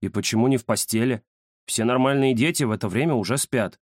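A man voicing a chatty, boastful male house cat who talks fast and fussily in an audiobook. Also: mid-range voice, no echo, studio quality, close to an everyday voice. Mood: teasing. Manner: excitable, fussy, know-it-all. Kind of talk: audiobook character voice.

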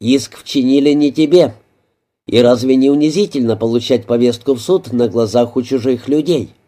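A man's voice: medium pitch, moderate pace, warm tone, natural voice. Craig, a man reading a seething shaken surgeon. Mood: indignant. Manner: clipped, seething. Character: shaken angry male surgeon.

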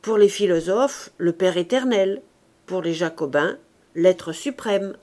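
A lean, funereal gravedigger speaks like a self-satisfied orator, every sentence a pronouncement. The delivery is slow and deliberate, in a storybook reading voiced by a woman narrator. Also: fairly high pitch, animated, darkish tone. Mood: pompous. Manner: pompous, authoritative, sententious. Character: gaunt pompous male gravedigger, grave and lofty.

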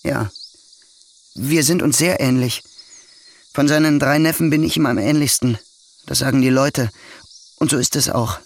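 In a radio play, an actor plays a bitter young nephew who is in debt and hates his prospects, speaking in a sullen, brooding manner. His medium-pitched voice is creaky, at normal speed, broken by long pauses. The character is indebted and resentful.

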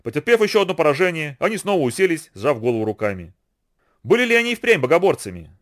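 A man reading a novel aloud in brisk, expressive scripted narration. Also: fairly high pitch. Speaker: audiobook reader.

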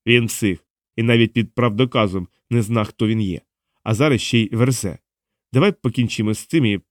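A man voicing a gruff, nervous male gang leader in an audiobook, growling and agitated. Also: fairly low pitch, moderate pace, dry recording, studio quality, close to an everyday voice. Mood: gruff, uneasy. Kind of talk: audiobook character voice.

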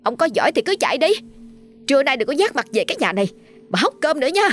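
Brief: a woman playing a shrill, gossipy village wife in an audio story, high and fast. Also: expressive, faint music behind, lightly acted. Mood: scolding.

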